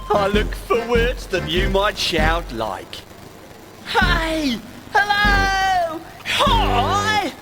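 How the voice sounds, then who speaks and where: A performer voicing an exuberant, excitable exclamation mark for children, gleeful, sing-song and exclamatory. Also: mid-range voice. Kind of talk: children's educational character. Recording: loud music behind.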